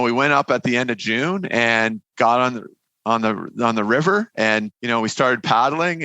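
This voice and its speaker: A man speaks in a bright, edged voice in a very dry recording. His words come through nearly closed teeth, with little movement of the mouth. He talks casually, like a guest telling his own story. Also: mid-range voice, no echo, rough recording. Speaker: podcast guest.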